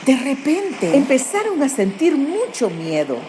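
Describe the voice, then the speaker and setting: Lively woman telling a children's Bible story. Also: high voice, measured pace, background noise. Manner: animated storytelling, addresses children with questions.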